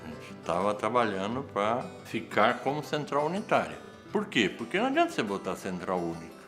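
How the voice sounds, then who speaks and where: A man's voice: fairly low pitch, very animated, fairly quick. A man explaining and arguing his views in an interview. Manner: explanatory, argumentative. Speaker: interviewee, union veteran. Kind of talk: political reflection. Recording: faint guitar music behind.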